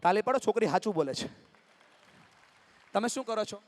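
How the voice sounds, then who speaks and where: A man gives a live motivational talk. He is lively and coaxing, joking with the crowd from the stage. His voice rings with long reverb in a large hall. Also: high voice, fairly quick. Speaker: motivational speaker.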